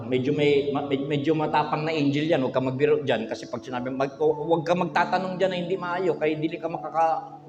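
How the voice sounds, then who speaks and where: A man preaching a sermon at a livestream, teaching by spelling out letters and quizzing the congregation. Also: fairly high pitch. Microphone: handheld microphone. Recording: echoey hall, dull lo-fi sound.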